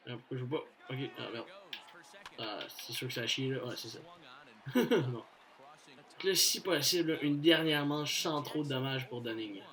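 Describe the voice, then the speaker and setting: A man with a Quebec French accent commentates his own baseball video game in a loose, chatty way. His voice sits a little high and leaps all over the place, from low muttering to cheering. He curses freely and mixes in English phrases. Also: a bit bright, rough recording. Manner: curses often. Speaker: gamer doing commentary. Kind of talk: casual gameplay commentary.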